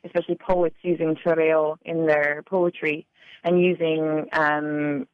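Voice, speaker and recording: This Irish poet from Cork speaks in a low, flat, unhurried voice during a radio interview, chatty and full of "like"s and "you know"s. The recording is lo-fi, with no echo.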